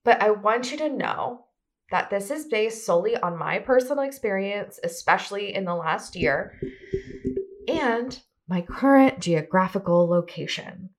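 A woman in her thirties hosting a casual solo podcast, chatty and upbeat with a self-deprecating streak, her voice hoarse from a cold. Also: medium pitch, animated, a little slow. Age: 30s. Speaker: podcast host.

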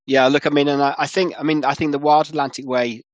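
A man hosting a conversational interview, halting and repeating words as he thinks. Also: on the high side, level tone, no room sound, dull audio.

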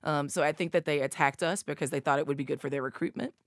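A woman's voice: low voice, steady tone, quick pace, no room sound. A woman from Appalachia with an Appalachian accent, answering as an activist guest in an emphatic way, often checking with tag questions. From Appalachia, southern United States. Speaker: activist leader, co-executive director and interview guest. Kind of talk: impassioned interview answer.

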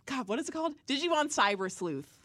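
A young woman co-hosting a casual podcast, telling a story with animated energy and frequent laughs. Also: high-pitched, brisk, no echo. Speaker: podcast co-host, game reviewer. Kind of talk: casual chat.

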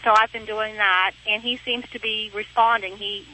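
This Pennsylvania caller, phoning the radio show from her car, has a medium-pitched, sharp voice with fairly even intonation and normal speed. Her casual, rambling explanation comes through a dull lo-fi phone line with a bit of hiss or hum.

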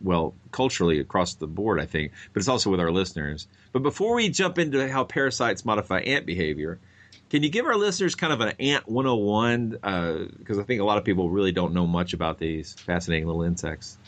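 A man hosting a science show, speaking in a bright, curious manner. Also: deep voice, very animated, a little fast. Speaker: podcast host. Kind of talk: scripted narration and interview for a science show.

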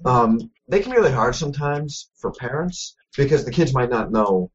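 Male co-host, husky voice, joking and self-deprecating, muffled lo-fi recording. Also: medium pitch, expressive, moderate pace. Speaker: podcast co-host. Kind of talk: casual news chat. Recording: dull lo-fi podcast audio.

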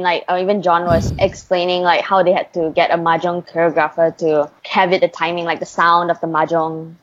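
A young woman from Malaysia, a singer guest chatting in an interview, lively and quick to laugh. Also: fairly low pitch, highs cut off. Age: young adult. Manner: chatty, animated, laughs often. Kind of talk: casual interview chat.

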